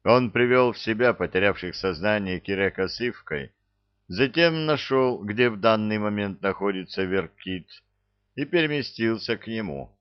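Low-voiced male audiobook narrator. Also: lively intonation, normal speed, clear, resonant tone, muffled recording. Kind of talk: scripted fantasy narration.

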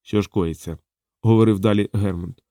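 A man voicing a gruff, nervous male gang leader in an audiobook, growling and agitated. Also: on the low side, fairly even intonation, moderate pace, warm tone, no room sound, clean studio sound, close to an everyday voice. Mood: gruff, uneasy. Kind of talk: audiobook character voice.

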